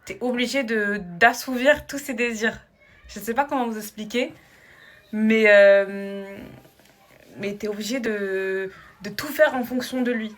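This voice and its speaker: A young new mother vlogs casually to camera from inside her home, calling her viewers "girls" and filling her talk with lots of fillers. Her medium-pitched voice moves at a measured pace and carries a slight foreign accent in French. Faint background noise and clicks can be heard.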